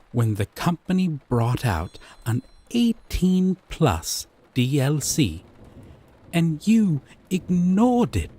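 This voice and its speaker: With a mid-range voice, a man acts out a gentle but possessive, obsessive dating-sim character in a soft, breathy, intimate monologue full of lingering pauses. He comes across as amused and disdainful.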